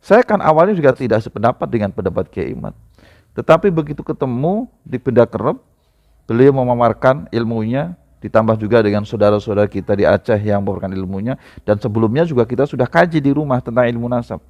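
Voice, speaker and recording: A man preaching a sermon to a gathering, speaking to the audience directly and rising into emphatic high outbursts. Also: lively intonation, quick pace, darkish tone, lo-fi sound.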